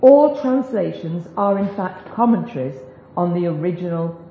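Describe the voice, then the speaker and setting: With an expressive, lowish voice and a normal pace, she chats her way through an informal lesson on biblical Hebrew for a group, adding humorous, self-mocking asides. The talk was captured in a dull, roomy lo-fi recording.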